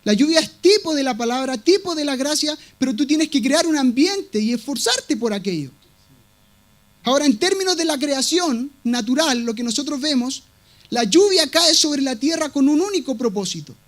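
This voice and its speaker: A man preaching a sermon in a strikingly high voice. He is emphatic and insistent, circling back to the same words to drive each point home. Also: lively intonation, normal speed. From Latin America. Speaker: pastor.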